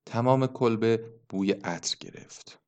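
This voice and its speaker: A male audiobook narrator reading in a measured, subdued voice. His sentences fall away softly at their ends, and he keeps an even, unhurried storytelling manner. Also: lowish voice. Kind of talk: scripted narration.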